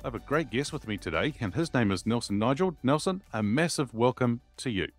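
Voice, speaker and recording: A man's voice: medium pitch, animated, a little fast, soft background music. A man hosting a podcast interview, upbeat and full of praise as he questions his guest. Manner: enthusiastic, frequent praise words. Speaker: podcast host.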